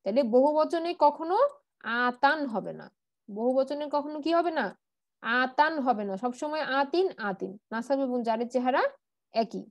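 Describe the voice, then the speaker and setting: A woman with a high voice teaches a grammar lesson and walks slowly through each word form. She poses questions and answers them herself, and drops English words into her talk. The sound is dry, close and plain. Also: lively intonation, no room sound. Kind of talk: online class lesson.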